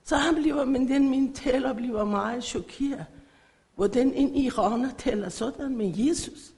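Iransk kvinde med knirkende stemme. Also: female voice, high voice, a little mellow. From Iran. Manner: emotional, halting non-native phrasing. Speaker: church member giving testimony. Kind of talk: personal faith testimony. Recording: echoey hall.

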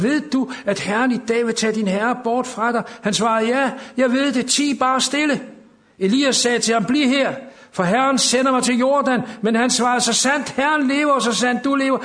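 A man preaching a sermon, reading scripture aloud and retelling it, climbing to loud, high emphasis in the dramatic passages.

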